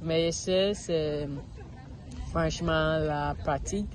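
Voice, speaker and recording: Speaking slowly in a low-pitched voice, this woman from Ghana, in her 30s, is a vlogger practicing French. She talks casually in a park outdoors, hunting for words and starting over frequently.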